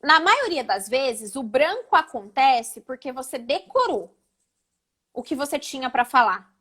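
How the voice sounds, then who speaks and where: High-pitched female oratory coach, didactic, shows intonations as she teaches, on a video call. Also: very animated, a little slow, a bit bright. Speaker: oratory instructor, guest speaker. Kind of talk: live online talk, teaching.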